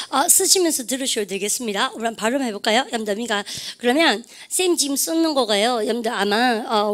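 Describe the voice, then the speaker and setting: A woman lecturing on vocabulary with a somewhat high voice. She keeps calling out to her class, circles back over the same points and drills pronunciation with call-and-response cues. It sounds like a recorded online lesson. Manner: repetitive, addresses students constantly, drills pronunciation with call-and-response. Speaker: English vocabulary teacher for civil service exam students.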